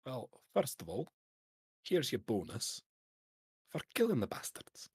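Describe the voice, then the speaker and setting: A man voicing a stingy, gruff male merchant with a Scottish accent that drifts toward Irish. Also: medium pitch, huge pitch swings, unhurried, a little mellow, no room sound, studio quality, pitched above the performer's own voice, heavily acted. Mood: gruff, hearty.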